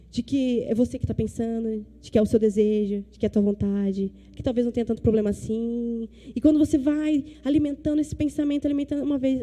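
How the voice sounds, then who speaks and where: A woman's voice: high-pitched, dark tone. A woman in her thirties from Brazil, a pastor preaching a sermon with emphatic repetitions. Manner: emphatic, repeats phrases, acts out dialogue.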